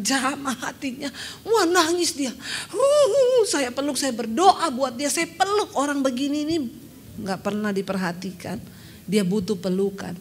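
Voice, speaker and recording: Woman pastor, fairly high-pitched, lively and humorous in the pulpit, speaks straight to the congregation, faint noise behind. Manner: animated and humorous, often addresses the congregation directly. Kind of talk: lively storytelling sermon.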